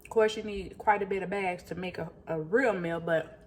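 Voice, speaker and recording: A woman's voice: fairly low pitch, fairly even intonation, normal speed, a little hiss or hum. A woman vlogger chatting casually to her viewers while cooking in a home kitchen. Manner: chatty, talks straight to viewers as "guys" and "y'all".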